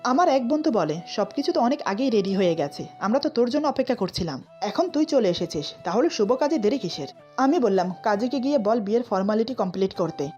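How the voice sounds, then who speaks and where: A woman with a Bengali accent narrates a romantic story, reading every character's lines in her own voice and dropping slightly lower for the men. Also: lively intonation, a little fast, dark tone. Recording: slightly dull recording with faint music.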